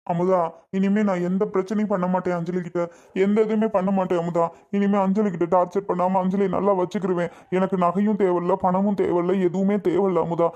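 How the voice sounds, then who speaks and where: A man's voice: sits high, flat delivery, a little fast, darkish tone, lo-fi sound, lightly acted. A man voicing a repentant jailed husband in a cartoon, pleading over and over. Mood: remorseful. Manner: begging, repeats sir again and again.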